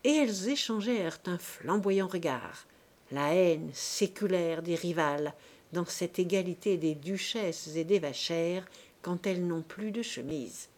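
A woman reading a classic novel aloud as an audiobook narrator, expressive and dramatic, dropping to softer passages. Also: fairly low pitch, unhurried. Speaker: audiobook reader. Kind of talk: scripted narration.

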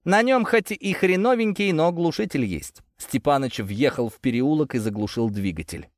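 A man's voice: a little high, expressive, moderate pace, no echo. A man narrating a first-person story from a script. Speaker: audiobook narrator.

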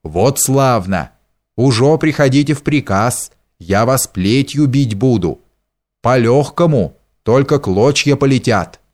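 A man's voice: medium pitch, lively intonation, takes it slowly, a little mellow. A man voicing a mischievous, devilish boy who taunts a band of robbers, teasing and jeering. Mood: gloating.

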